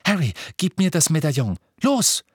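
A man voicing a sharp, impatient teenage girl who is clever and bossy, speaking in an urgent, snapping way. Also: on the high side, animated, moderate pace, breathy edge, no echo, studio quality, pitched above the performer's own voice.

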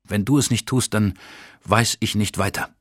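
A man reading the part of a desperate, grim, overweight middle-aged father in an audiobook, in a husky, tense and pleading voice. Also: on the low side, fairly even intonation, normal speed, no echo, studio quality, close to an everyday voice.

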